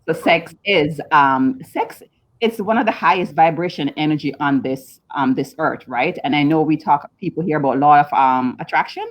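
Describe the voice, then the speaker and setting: A woman's voice: deep voice, normal speed. A woman with a Jamaican accent, a guest coach talking casually in an interview with frequent ums. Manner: relaxed, chatty, frequent ums. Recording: dull lo-fi sound.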